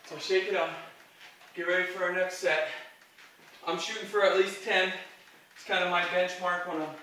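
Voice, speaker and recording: A man's voice: sits high, steady tone, moderate pace, sharp tone, a little hiss or hum. A man out of breath, counting his reps aloud and coaching through a back workout, with strained grunts between sets. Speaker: fitness vlogger. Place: gym. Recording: echoey room, voice from a distant camera.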